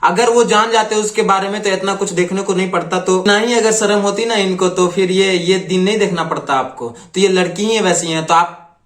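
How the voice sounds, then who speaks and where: Brief: high-pitched male reaction host, earnest and preachy, roomy echo. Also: fairly even intonation, normal speed, fairly bright tone. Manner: earnest, repetitive, lecturing. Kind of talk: commenting on clips.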